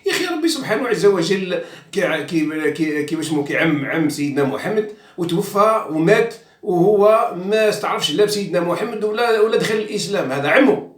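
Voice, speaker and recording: A man's voice: high-pitched, expressive, fairly quick, far from the mic. A man with an Algerian Arabic accent gives an outspoken, mocking monologue as a journalist commentator, slipping into French and stumbling through restarts. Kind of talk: casual monologue. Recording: echoey room, away from the mic.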